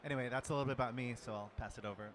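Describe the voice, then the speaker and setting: A man from the United States, a startup founder, introducing himself on a conference panel in a relaxed, conversational way. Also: mid-range voice, rapid-fire. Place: conference room with audience. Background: crowd murmur.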